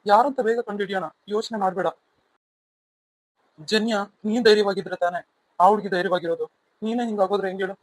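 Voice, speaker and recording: A man's voice: sits high, fairly even intonation, quick pace, pauses often, no room sound, poor audio. A man voicing a stern, protective elder brother in a cartoon serial, blunt and commanding. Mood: reassuring.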